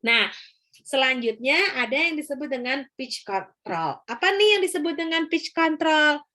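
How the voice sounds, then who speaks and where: A woman's voice: sits high, lively intonation, normal speed, pushed and bright. A woman lecturer explaining in a chatty way, with frequent fillers and rhetorical questions to her students. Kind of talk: casual spoken lecture.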